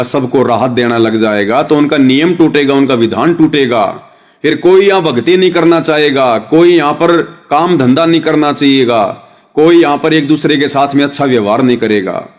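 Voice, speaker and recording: A man delivering a devotional sermon in a fairly high voice. He works through homely examples and keeps turning to his listeners as brothers and sisters. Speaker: devotional speaker.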